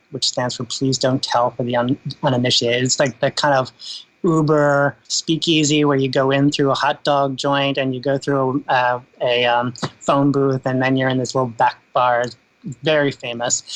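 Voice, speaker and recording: A man's voice: medium pitch, a bit bright, dry recording, poor audio. A man in his fifties, a podcast guest, talking casually with many fillers and asides. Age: 50s. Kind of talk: casual interview talk.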